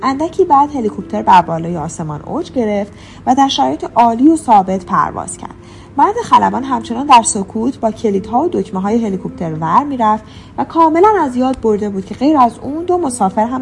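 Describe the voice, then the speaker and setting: A woman narrating an audiobook in an even, measured storytelling manner. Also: on the high side, vocal fry, slight background noise. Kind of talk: scripted narration. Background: faint music.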